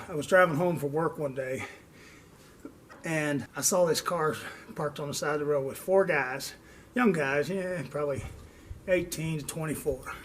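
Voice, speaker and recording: An older man hosting a do-it-yourself car repair video, out of breath and pausing for air as he rambles through a casual, long-winded explanation. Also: on the high side, a little hiss or hum. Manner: rambling, long-winded, pauses for air, tags lines with "okay?". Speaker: DIY car repair host. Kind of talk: casual instructional talk.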